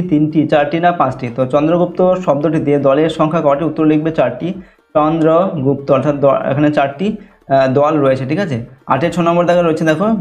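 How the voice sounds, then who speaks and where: A male teacher, working through exam questions and dictating the answers, often checking whether the class is following. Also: a little high.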